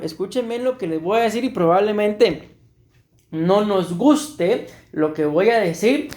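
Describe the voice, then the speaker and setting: A man's voice: high voice, darkish tone, reverberant. A male pastor from Costa Rica preaching a sermon to his congregation, often addressing them as beloved brothers and punctuating points with amen. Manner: repeats "mis amados hermanos" and "amén" often. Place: church.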